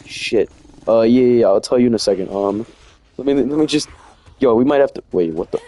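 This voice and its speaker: Speaking fairly quickly in a warm, medium-pitched voice, a young man from the US chats casually while streaming a game from home, rambling along in slang.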